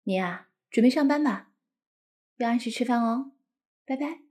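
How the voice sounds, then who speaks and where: A woman playing a coquettish, doting young wife in an intimate audio role-play, cutesy, pouty and wheedling, with a breathy voice. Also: fairly high pitch, moderate pace, darkish tone, natural voice. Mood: doting, reassuring.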